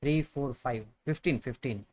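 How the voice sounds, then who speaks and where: A man's voice: medium pitch, measured pace, a little mellow. Guy in his 30s talking thru chess moves on a stream, lots of uh and like. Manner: thinks aloud, frequent fillers. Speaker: chess commentator co-host. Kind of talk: casual chess commentary. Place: room at home.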